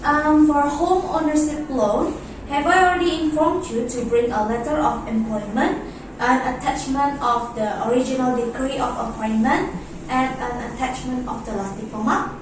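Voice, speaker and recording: A woman playing a polite, helpful bank customer relations officer in an amateur role-play, speaking formally and a little haltingly. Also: sits high, lightly acted. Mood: bright, welcoming. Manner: courteous, halting, formal service talk. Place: echoey indoor room, far mic. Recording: echoey room, distant mic, noisy.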